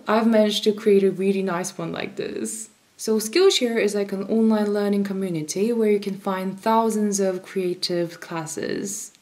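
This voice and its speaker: A woman in her twenties talking casually to the camera in a small flat, chatty and upbeat with a self-deprecating touch. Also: mid-range voice. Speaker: vlogger. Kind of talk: casual vlog talk to camera. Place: small flat at home, indoors.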